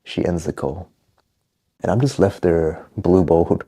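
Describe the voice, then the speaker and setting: A man's voice: sits low, measured pace, dark tone, husky. A man telling a personal confession in casual speech, leaning on key words for dramatic emphasis.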